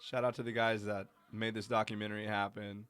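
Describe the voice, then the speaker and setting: A man hosting a live watch-along podcast, giving chatty, excited commentary and talking to his listeners. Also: fairly low pitch, a little fast, smooth. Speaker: podcast host.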